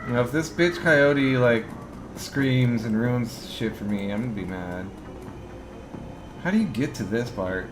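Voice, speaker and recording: Narrating a playthrough, a man gives casual, profane commentary and reads the game's text aloud. His mid-range voice is lively and unhurried, against a noisy background.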